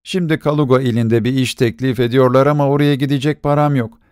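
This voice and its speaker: A man's voice: medium pitch, steady tone, quick pace, a little mellow, clear, resonant tone, dry recording, clean studio sound, lightly acted. A man voicing a young drunken beggar who pleads and stammers. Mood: pleading.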